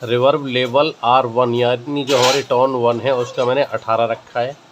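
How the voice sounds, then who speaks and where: A man's voice: medium pitch, little pitch movement, unhurried. Man teaching keyboard settings with hesitant fillers. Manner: hesitant, with frequent filler sounds. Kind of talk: casual tutorial explanation. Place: indoor room with a keyboard. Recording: noisy home camera recording.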